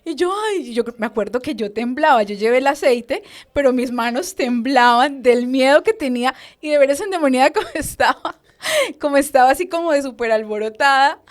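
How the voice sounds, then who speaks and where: A woman giving a personal testimony in an interview. She tells her story with lively storytelling and acts out the voices of others. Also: high voice. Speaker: deliverance minister giving testimony.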